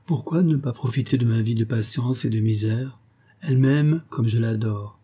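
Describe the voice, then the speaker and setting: A man's voice: medium pitch, normal speed, warm tone, husky, natural voice. A man voicing a brooding, guilt-ridden male pastor who hides a terrible past. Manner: tense, brooding.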